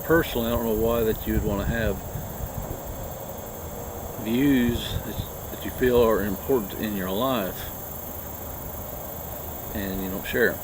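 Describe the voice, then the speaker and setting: A man chatting casually and haltingly through a cigar review, rambling from one thought to the next. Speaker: cigar review vlog host. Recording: noisy low-quality mic, outdoor insects and traffic.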